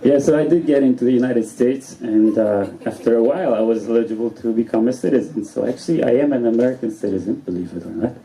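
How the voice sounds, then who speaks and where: A man's voice: mid-range voice, fast talker, hardly any pauses, a crowd in the background, poor audio. A man in his thirties from Poland with a Polish accent, doing chatty, self-deprecating open mic stand-up. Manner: chatty, self-deprecating, often laughing mid-sentence. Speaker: stand-up comedian. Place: small club stage in front of an audience.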